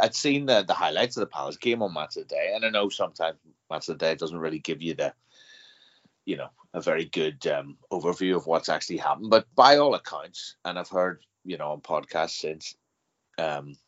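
A man with an Irish accent giving casual, measured football analysis as a podcast guest, with some hesitation. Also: low-pitched, a bit bright. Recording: dull lo-fi remote podcast sound.

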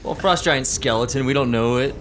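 A man's voice: mid-range voice, brisk, background noise. A man talking casually as a player in a tabletop role-playing game.

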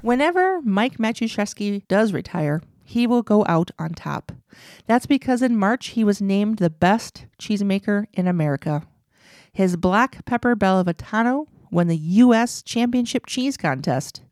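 A woman hosting a radio show, reading scripted narration in a clear, measured way. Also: mid-range voice, expressive, darkish tone, dry recording, clean studio sound. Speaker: radio host.

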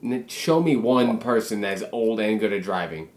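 A man's voice: on the low side, normal speed, a little mellow. A man co-hosting a podcast in casual chat, ranting and swearing with mock anger. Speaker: podcast co-host.

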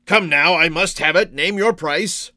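A man's voice: medium pitch, animated, measured pace, bright, forceful tone, dry recording, clean studio sound. A man voicing a bitter, rude scarred man who talks curtly and insistently, in a storybook reading. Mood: demanding. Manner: curt, insistent, distrustful.

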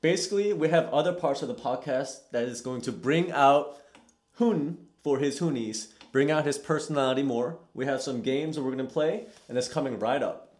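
A man's voice: mid-range voice, normal speed, darkish tone. Guy hosting a podcast, jokey and teasing, echoey room. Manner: playful, teasing, laughs often. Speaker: podcast host. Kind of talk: casual podcast interview. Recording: roomy echo.

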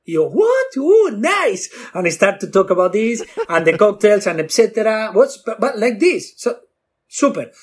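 Animated man telling stories. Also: normal speed. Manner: acts out quotes with jumps in pitch, non-native grammar. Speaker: guest bartender. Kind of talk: animated storytelling.

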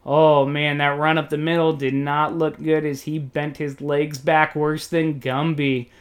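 A man doing joking, excitable, folksy play-by-play commentary on a football video game. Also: a little high, a little slow. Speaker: play-by-play announcer.

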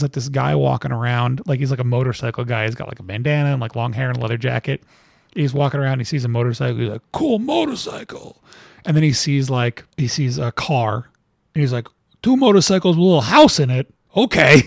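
A man's voice: a little high, gravelly, no room sound, clean studio sound. A man talking casually as an interview guest, rambling with lots of fillers and laughing at his own stories. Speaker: cartoonist guest.

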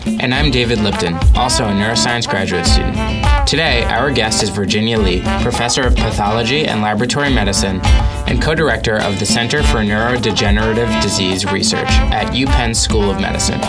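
A man's voice: on the low side, brisk, loud music behind the voice. A man in his twenties co-hosting a science interview podcast, reading a prepared introduction steadily. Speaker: podcast co-host.

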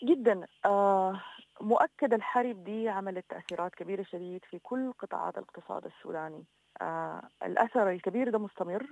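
A woman's voice: lowish voice, gravelly, darkish tone, no room sound, poor audio. A woman with a Sudanese accent explaining things informally as an expert interview guest. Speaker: interview guest, development organization director.

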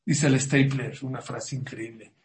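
A man's voice: medium pitch, steady tone, unhurried. Dramatic man telling a story. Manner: dramatic storyteller, swings from loud outbursts to near-whispers. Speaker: rabbi giving a talk. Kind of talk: storytelling sermon.

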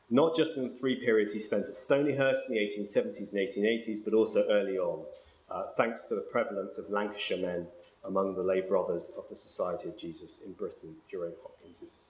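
A man giving an academic lecture, hesitating with ums and reading verse slowly and with care. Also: lowish voice, darkish tone, reverberant, poor audio. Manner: slow, measured reading of verse, then brisk explanation with ums.

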